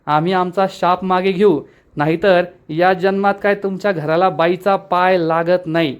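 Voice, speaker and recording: A man's voice: high-pitched, fairly even intonation, normal speed, clear, resonant tone, dull audio, close to an everyday voice. A man voicing a scheming, greedy uncle from a TV serial, speaking in a taunting, scornful way. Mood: threatening.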